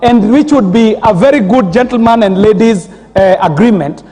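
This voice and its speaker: Reverberant chamber, Kenyan male MP, high mellow voice, conciliatory formal appeal. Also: normal speed. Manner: conciliatory, pleading. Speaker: member of parliament. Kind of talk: formal parliamentary speech. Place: large parliamentary chamber. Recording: reverberant large hall.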